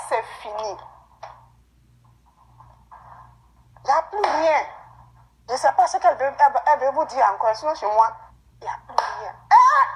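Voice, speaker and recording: A woman's voice: high voice, poor audio. An actress playing a grief-stricken mother who wails, sobs and pleads with God in melodramatic screen acting. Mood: bitter grief. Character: grief-stricken mother mourning her daughter.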